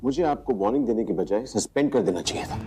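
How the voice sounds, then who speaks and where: An actor playing a stern, authoritative senior doctor. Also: male voice, mid-range voice, lively intonation, fast talker, gravelly, dark tone, slight background noise.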